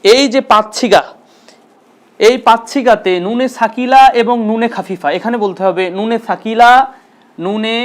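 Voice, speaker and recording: A man's voice: sits high, steady tone, moderate pace. A man teaching an Arabic grammar lesson, patiently repeating terms and asking and answering his own questions.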